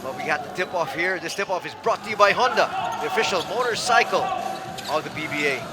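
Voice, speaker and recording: Higher-voiced male play-by-play commentator. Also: lively intonation, quick pace, very noisy. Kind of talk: live basketball broadcast commentary.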